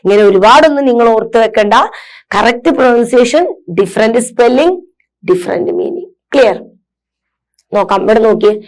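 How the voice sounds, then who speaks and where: A woman with a Malayali accent teaching a recorded English lesson on homophones. She reads English lines slowly, then explains quickly with tag questions and calls her students children. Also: on the high side, darkish tone.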